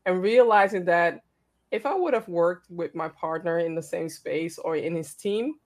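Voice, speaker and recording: A woman's voice: lowish voice, normal speed, a little mellow. A woman hosting an online panel discussion in a chatty, enthusiastic way. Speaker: host. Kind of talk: casual online panel chat.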